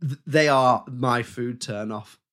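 British accent, male podcast host, casual conversational style, medium pitch. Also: slow, fairly bright tone. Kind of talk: casual chat.

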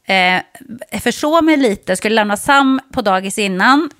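A woman co-hosting a podcast in casual chat, telling stories with lively acted-out quotes. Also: fairly high pitch. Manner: animated storytelling, acts out quotes loudly. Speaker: podcast co-host. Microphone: podcast microphone.

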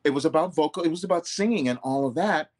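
This vocal coach's voice is on the high side, fast and darkish in tone. During a reflective interview he speaks earnestly and loosely, often catching and correcting himself mid-sentence.

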